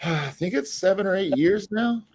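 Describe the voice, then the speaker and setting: A man's voice: sits high, moderate pace, breathy edge. A young man from Costa Rica, a flow artist and saber maker, talking casually in a podcast interview with restarts and laughs. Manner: relaxed, rambling with restarts and laughs.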